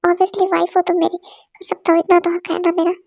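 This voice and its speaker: A woman voicing a curt young husband, high and flat. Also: normal speed, gravelly, dry recording, studio quality. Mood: defensive. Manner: curt, clipped commands and retorts. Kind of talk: amateur fan-dub drama reading.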